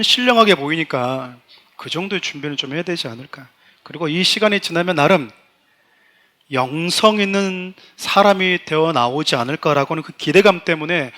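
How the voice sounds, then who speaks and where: Middle-aged male pastor, somewhat high and bright, preaching heartfelt personal testimony to his congregation. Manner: emotional confessional storytelling, often addressing the congregation. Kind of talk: sermon.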